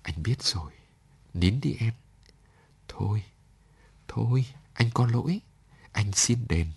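A man's voice: fairly low pitch, animated, gravelly, breathy edge, exaggerated voice. A man doing a nervous, guilty married man. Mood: anxious. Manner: hurried, nervous, apologetic. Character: middle-aged married man, anxious, guilty visitor. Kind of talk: audiobook story reading.

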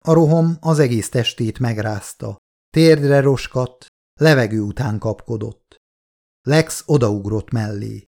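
A man reading an audiobook aloud, narrating in a measured, dramatic storytelling manner. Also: medium pitch, vocal fry, darkish tone. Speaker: audiobook reader. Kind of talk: scripted narration.

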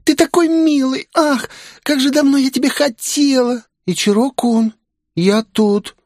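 A man's voice: very high voice, unhurried, darkish tone, no room sound, studio quality, pitched above the performer's own voice. A man voicing a tipsy, clingy young aristocrat girl in an audiobook, pouty and drunkenly affectionate. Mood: clingy, playful. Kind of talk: audiobook character voice.

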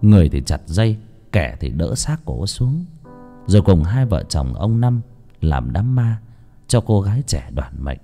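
Low, expressive male storyteller. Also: a little slow, soft background music. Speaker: narrator. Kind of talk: dramatic audiobook narration.

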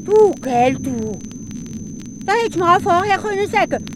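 A woman's voice: extremely high pitch, sing-song, a little slow, background noise, pitched above the performer's own voice, exaggerated voice. A woman with a Swiss German accent voicing a clever young peasant boy, bold and cheeky in manner.

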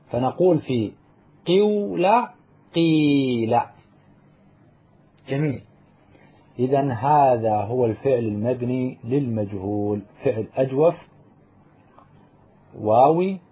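Guy teaching grammar, very husky voice, muffled phone-quality sound, asks himself questions then answers. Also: mid-range voice. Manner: explains step by step, asks and answers his own questions; spells out example words slowly. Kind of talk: grammar lesson. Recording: muffled lo-fi recording.

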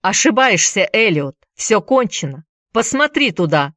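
A woman voicing a desperate young man who shouts urgent, defiant demands. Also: mid-range voice, sing-song, unhurried, no room sound, clean studio sound, voice pushed up. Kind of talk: audiobook character reading.

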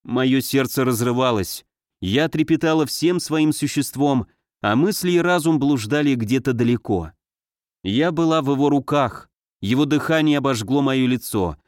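A man narrating a first-person story in a steady, measured reading, on a close studio mic. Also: mid-range voice, no room sound. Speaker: audiobook reader.

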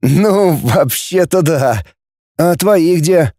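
A man voicing a gangly, nervous teenage boy who talks in a fussy, hurried way. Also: a little high, expressive, warm tone, no room sound, clean studio sound, pitched above the performer's own voice.

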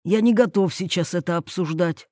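A woman's voice: on the low side, moderate pace, dry recording, lightly acted. Woman narrator voicing a man lost in the woods, tense and urgent, dry close read. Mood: defensive. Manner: urgent, hushed commands. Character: frightened, scolding man lost in a forest. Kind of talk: audiobook character reading.

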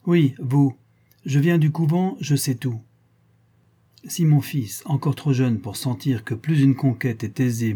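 A man's voice: medium pitch, warm tone, breathy edge, close to an everyday voice. A man voicing a stern aristocratic father, a baron, who speaks in a commanding, reproachful way.

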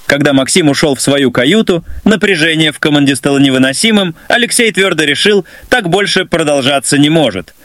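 A man narrating a dramatic story in an expressive way. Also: fairly high pitch, a little fast, few pauses, no echo, clean studio sound.

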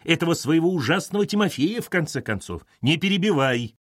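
An older mother, stern and commanding, lecturing firmly, as a male narrator puts her on. The pitch moves with animated inflection, recorded dry and close. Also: normal speed, no room sound. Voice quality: stern, authoritative.

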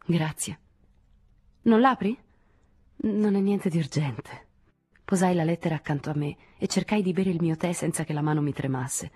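A woman with a low, husky voice reads a novel aloud in a measured, expressive way. The sound is dry and close, with no room around it. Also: no room sound. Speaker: audiobook reader. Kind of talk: literary audiobook narration.

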